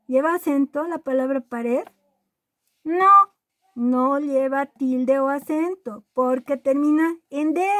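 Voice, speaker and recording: Slow, patient woman teaching a class. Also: sits high, a little mellow, no echo. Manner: slow, deliberate, spells words out syllable by syllable; asks the class checking questions. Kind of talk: classroom lesson.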